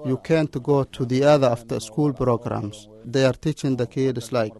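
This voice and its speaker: A man speaks as a live interpreter, relaying someone else's words into English for a news piece. His voice is mellow and dark. He talks haltingly and leans on "you know" and "like". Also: mid-range voice. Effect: live interpreter voice, speaking English over a translated interview. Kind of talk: consecutive interpreting in a news report.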